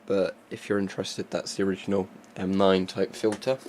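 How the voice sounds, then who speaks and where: A presenter with a deep, flat, darkish voice talks briskly in a casual, unscripted hands-on demo of military gas masks. It's an amateur recording with faint background noise.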